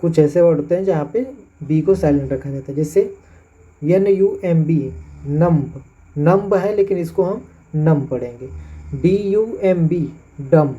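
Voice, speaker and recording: A man's voice: a little high, unhurried, mellow. A man with a Hindi accent teaching English pronunciation, spelling words letter by letter and then saying them. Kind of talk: pronunciation lesson. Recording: dull lo-fi sound.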